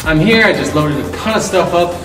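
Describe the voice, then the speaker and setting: A young man vlogging in an excited, informal way, his voice echoing hard around a large empty room. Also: fairly high pitch, fairly quick, recorded from a distance. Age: young adult. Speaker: vlogger, automotive lighting shop owner. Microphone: camera a few feet away. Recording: very echoey empty room, music behind.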